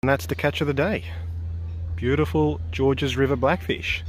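A man's voice: mid-range voice, steady tone, moderate pace, a little hiss or hum. A man in his thirties with an Australian accent, talking through a fishing trip in a casual vlog and praising every catch with enthusiasm. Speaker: fishing vlogger. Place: parked car, then outdoors on a river jetty.

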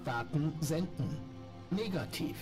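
An actor voicing a malfunctioning male robot companion that reports system errors in clipped, flat phrases, with game music behind. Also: on the high side, slow pace. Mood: mechanical. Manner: clipped, flat machine reports in single words. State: glitching, malfunctioning. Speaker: game character.

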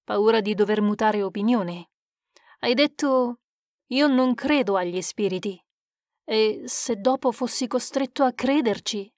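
A woman's voice: fairly high pitch, unhurried, a little mellow, no room sound, clean studio sound. A woman reading the part of a rueful, lovesick male poet who recounts his past in an earnest, emphatic way. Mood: pressing. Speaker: audiobook reader. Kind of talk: expressive literary reading.

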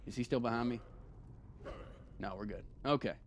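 A young man in a gaming video talks casually and crudely while he plays, mocking the enemies he takes on and joking around. His mid-range voice moves at a moderate pace against steady background noise.

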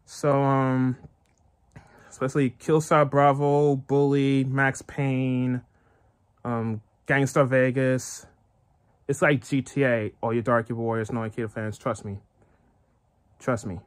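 A man's voice: mid-range voice, flat delivery, measured pace, long pauses, clean tone. A man hosting a gaming channel, giving casual reaction commentary with lots of stammering, repetition and giggles.

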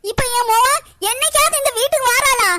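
A woman's voice: very high voice, a little fast, sharp tone. A woman voicing a quarrelsome old mother-in-law in a cartoon, scolding and sarcastic, slipping into self-pitying complaint. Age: older. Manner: scolding, sarcastic, breaks into crying. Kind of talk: cartoon comedy voice acting.

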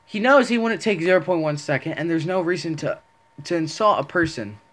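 A man's voice: fairly high pitch, lively intonation, a little fast, fairly bright tone. A man making a casual commentary video, rambling and indignant, often restarting his sentences. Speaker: small online video creator.

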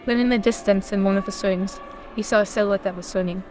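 A woman's voice: mid-range voice, fairly even intonation, quick pace, a little mellow, faint music behind. Woman narrating a horror story.

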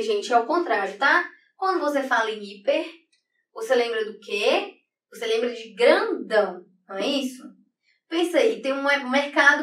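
A woman's voice: high voice, a bit bright. A woman teacher explaining figures of speech in an online exam-prep lesson, often checking in with the class by asking "right?". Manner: explanatory, tag questions "né?" constantly. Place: room, writing on a board. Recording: echoey room, distant mic.

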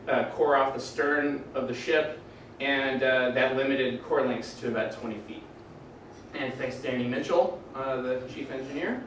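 A man giving an academic presentation in a lecture room, relaxed, with dry jokes and many "uh" fillers. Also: medium pitch, a little hiss or hum. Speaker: doctoral candidate presenting his defense. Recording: echoey room, voice from far off.

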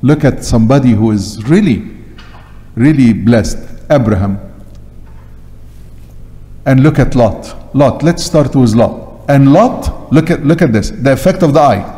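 An older Coptic Orthodox priest with an Egyptian Arabic accent delivers an emphatic sermon from the pulpit of a large church, repeating short phrases for weight. His warm, medium-pitched voice has lively intonation, a slightly slow pace and frequent pauses. It's picked up by a gooseneck pulpit microphone, with long church reverb.

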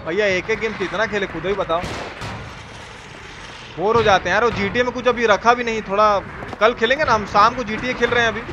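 Over noisy video game sound effects, a man streams a game with a voice that sits high and stays steady. Talking fairly quickly through dull audio, he grumbles at the game in casual slang and chats with his viewers.

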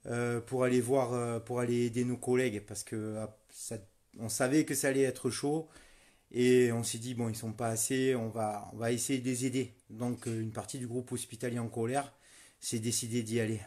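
A man's voice: mid-range voice, flat delivery, normal speed. A middle-aged man, a volunteer street medic, telling what happened to him in a heated, repetitive first-person testimony. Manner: starts subdued, grows loud and furious, repeats himself.

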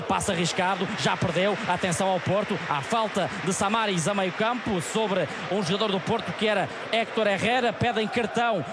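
High-pitched man in fast dramatic football commentary. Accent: European Portuguese. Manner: urgent, projected delivery, near shouting. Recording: clear background stadium noise.

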